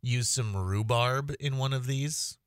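A man's voice: medium pitch, slow, clear, resonant tone, no room sound, studio quality. A man co-hosting a radio talk show, casual and rambling with many ums and likes. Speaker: radio co-host.

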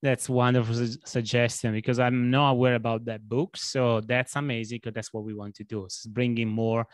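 A man's voice: medium pitch, little pitch movement, normal speed, smooth, dry recording. Man hosting a podcast. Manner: effusive, agreeable. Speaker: podcast host. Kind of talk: conversational interview hosting.

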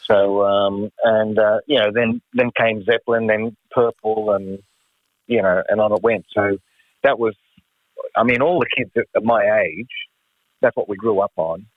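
A man's voice: lowish voice, fairly even intonation, a little slow, no room sound. A man in his sixties with an Australian accent, casually reminiscing as a musician guest on a phone call. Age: 60s. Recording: narrow phone line.

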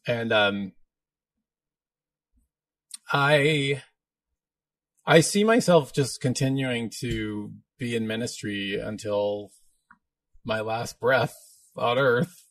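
A man's voice: mid-range voice, drawn-out words, long pauses, a bit bright, dry recording. Chatty man hosting a live Q&A. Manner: chatty, joking, laughs often. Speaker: podcast host, minister. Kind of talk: live Q&A chat.

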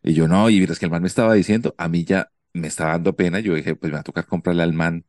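Deep-voiced Colombian man telling a story. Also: fast talker, no room sound, clean studio sound. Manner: animated, acts out voices in anecdotes. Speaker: radio show host. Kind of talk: casual comedic storytelling. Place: outdoors in the street.

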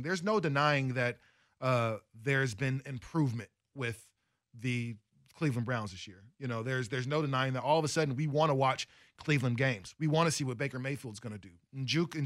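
A man's voice: medium pitch, a bit bright, no room sound, clean studio sound. A man co-hosting a sports radio show, talking through football in a rambling, chatty way with lots of fillers. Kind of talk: casual sports radio talk. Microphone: studio mic.

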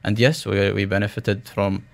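A man with a low, gravelly voice speaks as a startup founder in a radio interview. His delivery is flat in pitch and full of tech-business jargon, with halting restarts as he pitches.

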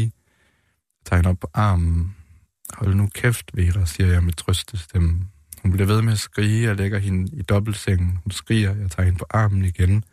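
A middle-aged man, a poet guest, talking hesitantly in an interview and then reading his poems aloud in a calm, measured way. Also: low voice, no room sound, clean studio sound.

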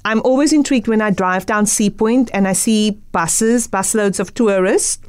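A woman hosting a live radio show in a studio, chatty and excitable, laughing often. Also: mid-range voice, normal speed, dry recording. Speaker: radio talk show host.

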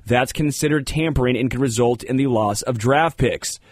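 An American sports talk radio host, sounding slightly congested, speaks informally and emphatically, often repeating himself and tossing in casual asides. His voice is medium-pitched at normal speed, captured in clean studio sound with no room noise.

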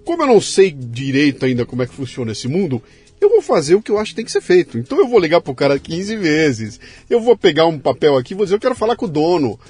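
A Brazilian Portuguese-accented man hosts a conversational podcast interview, speaking fast in a fairly high, slightly rough voice with faint music in the background. He's an animated storyteller who acts out the quotes.

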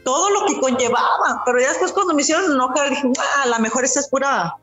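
A middle-aged woman with a Mexican Spanish accent, a guest telling her story in a casual interview, lively and boastful, acting out what others said. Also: high-pitched, quick pace, echoey room, faint music behind. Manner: lively, boastful storyteller who acts out quoted dialogue.

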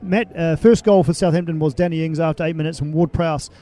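A male radio co-presenter reads results and line-ups in a measured, announcer-like delivery. His tone is mellow and his pitch sits a touch high. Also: fairly even intonation. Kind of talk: reading sports results.

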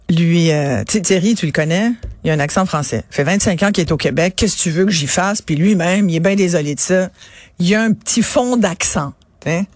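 A woman's voice: on the low side, dry recording. Indignant Québécois woman telling a story. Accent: Québécois French. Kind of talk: casual radio chat.

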